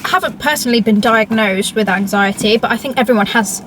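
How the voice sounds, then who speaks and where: A woman's voice: on the high side, fast talker, a bit bright, slight background noise. A young woman chatting informally as a host over a meal, often saying "like". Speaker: YouTube host reading out questions. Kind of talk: casual chat over a meal.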